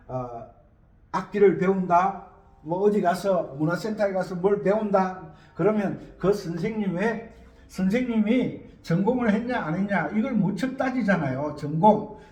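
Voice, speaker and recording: A man's voice: high voice, a little mellow, echoey room. A man teaching a music theory lesson, repeating key words and asking rhetorical questions.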